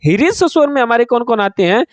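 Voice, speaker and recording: A man's voice: animated, no room sound. A man teaching a Hindi class for exam students, asking questions and answering them himself, repeating each point and calling students "babu". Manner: chants a mantra slowly in a low voice. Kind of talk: online exam-prep class.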